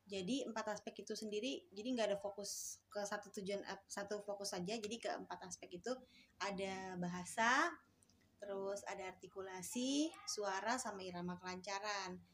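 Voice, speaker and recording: A woman speech therapist explains her work casually, pausing often on fillers and restarting her sentences. Her voice sits at a middling pitch. A faint noise runs under the recording. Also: fairly even intonation, fairly bright tone. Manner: hesitant, many fillers and restarts.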